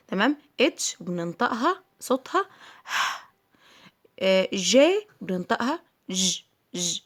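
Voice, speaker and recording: A middle-aged woman with an Egyptian Arabic accent and a mid-range voice gives children a phonics lesson. She patiently repeats each English letter sound and checks in with her pupils.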